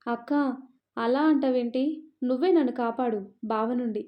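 A woman's voice: a little high, normal speed, muffled recording, lightly acted. A woman narrator voicing a frightened, teasing young woman who is the younger sister in an audio story. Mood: pleading.

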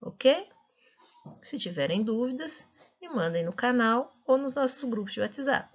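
A woman's voice: a little high, expressive, measured pace. A woman with a Brazilian Portuguese accent, an English teacher carefully explaining grammar to her students and drawing out her example phrases. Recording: dull lo-fi recording.

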